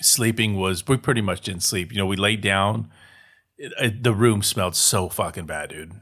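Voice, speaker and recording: Male podcast co-host, lower register, loose and profane, "dude" every other line. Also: normal speed, fairly bright tone. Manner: swears freely, says "dude" a lot, laughs often. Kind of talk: casual chat.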